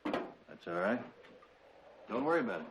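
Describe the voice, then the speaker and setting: An actor playing a calm, reasoning young ranch hand in a 1960s TV western. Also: male voice, fairly low pitch, normal speed, a little hiss or hum, poor audio.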